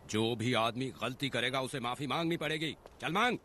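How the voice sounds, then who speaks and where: An actor dubbing a hot-tempered young farmer hero who gives stern, threatening orders. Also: male voice, sits low, steady tone, measured pace, background noise. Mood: commanding. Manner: commanding, threatening. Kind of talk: dubbed film acting.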